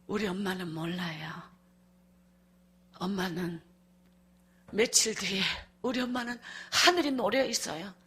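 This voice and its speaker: A woman's voice: mid-range voice, unhurried, pauses often, bright, forceful tone, husky. A middle-aged woman evangelist gives a revival sermon testimony and tells her story with strong emotion. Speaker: evangelist preaching at a revival meeting.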